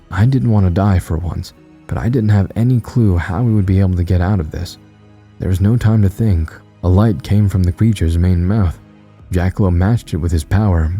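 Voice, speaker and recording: A man narrating a horror story in a slow, steady, measured reading. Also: sits low. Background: soft music.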